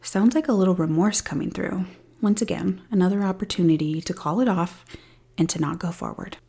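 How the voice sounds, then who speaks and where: A woman's voice: fairly low pitch, brisk, gravelly, mellow, breathy edge. A woman hosting a true crime podcast, retelling a case with dry, sarcastic asides. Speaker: podcast host. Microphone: studio-style podcast mic.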